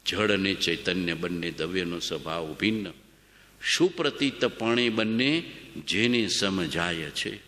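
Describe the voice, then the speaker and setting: Male preacher, devotional sermon, chanting repetitions, lowish bright voice, long hall echo. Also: a little slow. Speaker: spiritual discourse speaker.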